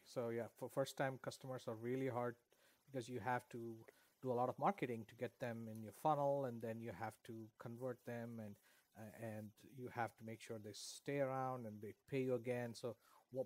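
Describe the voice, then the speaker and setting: Being interviewed as an author, a middle-aged man from India with Kannada as his first language answers at length. His responses ramble with frequent fillers and restarts, in a medium-pitched, darkish voice.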